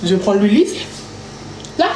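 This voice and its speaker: A woman's voice: medium pitch, big pitch swings, moderate pace. A woman hosting a casual livestream from her home kitchen, playful, singing and chanting to herself while she cooks. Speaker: livestream host. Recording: echoey room with noise.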